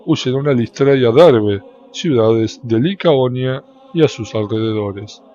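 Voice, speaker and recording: A man giving a measured, solemn scripture reading that lifts into a sung lilt at the ends of phrases. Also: medium pitch, mellow. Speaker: Bible reader. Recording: dull, lo-fi with faint background noise.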